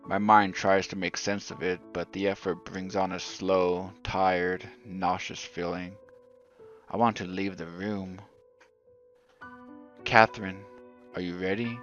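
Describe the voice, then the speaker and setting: A man narrating a scripted horror story in a slow, subdued and even manner. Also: low-pitched. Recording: dull lo-fi audio, faint music.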